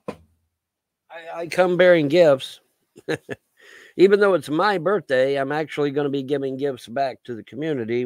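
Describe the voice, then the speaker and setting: A man's voice: medium pitch, darkish tone, no echo. A man in his late fifties hosting a casual live stream, rambling and aggrieved, swearing freely. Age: 50s. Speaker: livestream host.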